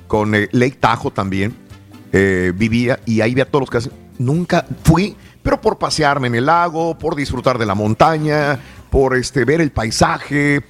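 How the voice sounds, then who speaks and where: A man in his forties, from the Mexico–Texas border region, hosting a radio show in casual chat, reading listener messages aloud. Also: mid-range voice. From northern Tamaulipas and South Texas. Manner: lively, chatty, reads listener messages aloud.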